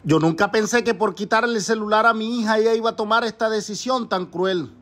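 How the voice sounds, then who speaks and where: A man's voice: sits high, fairly quick, very noisy. A man narrating a home drama in voice-over, in a regretful tone.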